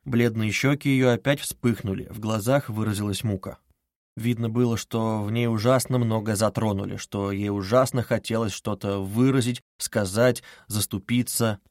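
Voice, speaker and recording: A man narrating a classic novel in steady, even audiobook style. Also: on the low side, normal speed, dry recording, studio quality.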